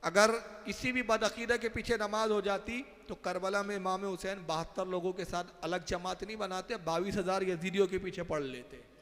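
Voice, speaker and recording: A man's voice: sits high, fairly even intonation, normal speed, few pauses, a bit bright, in a large hall. A man who is an Islamic scholar, giving an emphatic religious lecture and answering questions from listeners. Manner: emphatic, rising to stressed points and answering audience questions.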